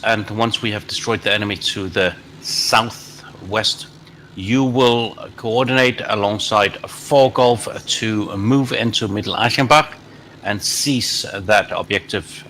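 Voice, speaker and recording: A man commanding a team in a military simulation game, giving deliberate, halting tactical orders in formal radio procedure. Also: fairly low pitch, bright, forceful tone, a little hiss or hum, rough recording.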